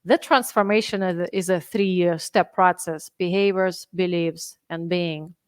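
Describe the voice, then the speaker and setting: Speaking English as a second language, this thirtysomething woman from Russia lays out her coaching steps with sincerity during a conversational podcast interview where she's the fitness coach guest. Her pitch is fairly low and steady, her pace measured, and her tone clean, with studio-quality sound and no room echo.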